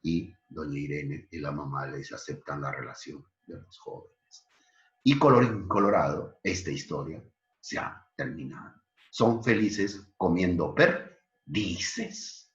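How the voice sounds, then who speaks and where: Deep-voiced male teacher in an echoey room. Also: measured pace. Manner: explanatory, addresses students directly. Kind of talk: online literature lesson. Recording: echoey, dull lo-fi recording.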